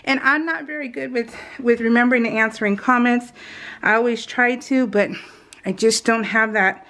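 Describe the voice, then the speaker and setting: Recorded indoors at home as voice-over while she crafts, this woman talks to her viewers in a rambling, giggly, self-deprecating manner. Her slightly high, somewhat bright voice holds a steady tone at a moderate pace.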